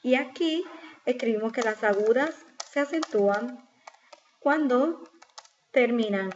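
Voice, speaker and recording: A woman's voice: on the high side, measured pace. Woman teacher w/ going over an exercise step by step, kinda dull lo-fi sound, faint hiss. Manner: patient, step-by-step, asks and answers own questions. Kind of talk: explaining a grammar exercise. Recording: slightly dull lo-fi recording with faint noise.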